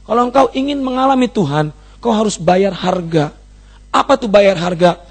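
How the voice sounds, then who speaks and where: High-voiced gravelly preaching man. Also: animated, normal speed. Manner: impassioned preaching, rising to shouts and cries. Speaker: pastor. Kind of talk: sermon.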